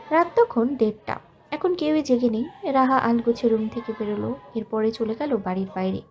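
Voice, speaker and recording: Sex: woman. Role: story narrator. Style: scripted narration. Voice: high. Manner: soft, measured, emotional.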